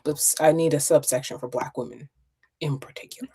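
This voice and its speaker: A woman hosting a casual interview over a video call, animated and chatty. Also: low-pitched, a little fast, breathy edge. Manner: animated, chatty, laughs often. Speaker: podcast host.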